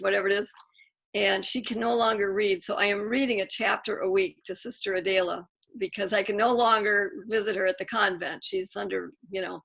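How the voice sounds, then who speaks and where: A woman's voice: medium pitch, vocal fry, fairly bright tone. A middle-aged woman author on a video call, talking in a chatty, self-interrupting way. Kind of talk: casual Zoom Q&A.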